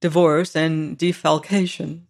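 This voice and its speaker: A brisk, earnest gentleman detective, a bit stiff and proper, as a male reader voices him in an audiobook. the voice sits slightly high and carries an eager, impulsive push. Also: level tone, vocal fry. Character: impulsive, stiff former solicitor turned detective. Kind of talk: audiobook character reading.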